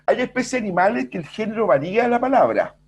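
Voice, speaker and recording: Middle-aged guy teaching grammar, husky voice, goes up and down a lot, keeps checking with the class. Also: high voice, sing-song, fast, dull audio. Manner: explains with many rhetorical checks and self-corrections. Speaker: school language teacher. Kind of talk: recorded virtual class lecture.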